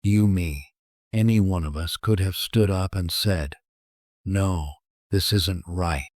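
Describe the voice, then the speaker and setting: A man's voice: deep voice, slow pace, darkish tone, no room sound, clean studio sound. A man voicing a defiant, guilt-ridden accomplice resigned to death in a horror story, grim and accusing. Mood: grim conviction. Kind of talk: acted dialogue in horror storytelling.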